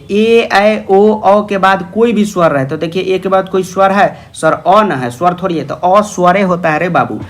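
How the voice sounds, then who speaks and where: Man, young teacher, high voice, online class. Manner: plays the students' questions himself; affectionate, calls students "babu". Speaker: Sanskrit grammar teacher. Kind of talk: online lecture.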